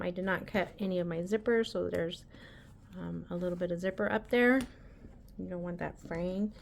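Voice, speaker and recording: A woman's voice: lowish voice, vocal fry, darkish tone, a little hiss or hum. A woman hosting a casual embroidery tutorial, chatty and rambling with frequent ums.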